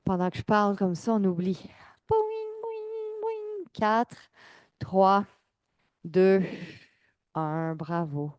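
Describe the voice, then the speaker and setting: A woman fitness instructor, giving calm, measured exercise cues and counting reps. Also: on the low side, smooth, no echo. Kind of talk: guided exercise class cues.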